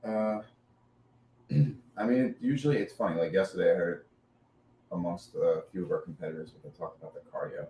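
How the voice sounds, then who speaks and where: A man's voice: sits low, a little fast, long pauses, mellow. A man answering listener questions about jiu-jitsu on a podcast, laid-back and hesitant with many fillers. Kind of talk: casual podcast chat. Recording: echoey room with faint noise.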